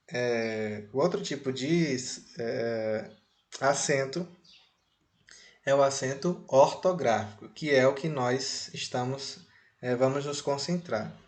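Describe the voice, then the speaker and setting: A Brazilian man teaching a slide lesson in a Brazilian Portuguese accent, speaking deliberately and repeating key words. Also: medium pitch. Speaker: Spanish teacher.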